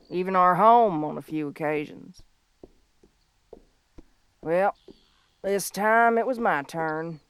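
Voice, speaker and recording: A woman playing a young, tough but tender tomboy bounty hunter of the Old West in an audio role-play, speaking in a folksy, halting, heartfelt way. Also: sits low, smooth, no echo. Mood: bitter, then pained recollection. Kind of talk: scripted audio role-play monologue, intimate and slow.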